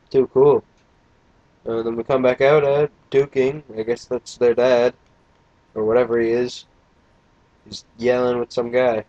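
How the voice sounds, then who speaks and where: A man's voice: medium pitch, dark tone, no room sound, highs cut off. A young man casually commentating a video game, tired and yawning, with a crude, joking, rambling manner. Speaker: let's play gamer.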